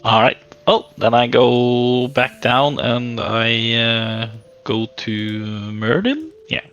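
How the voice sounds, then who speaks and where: A man playing a tabletop game, speaking casually and haltingly as a player. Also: mid-range voice, expressive, a bit bright, muffled recording, faint music behind. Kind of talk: casual tabletop role-play.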